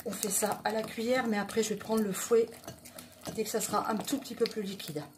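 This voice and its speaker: A woman's voice: medium pitch, fairly even intonation, fairly quick, slight background noise. A woman from southwest France, hosting a chatty home cooking demonstration in her kitchen. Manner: chatty, joking, talks while stirring. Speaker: home cooking video host.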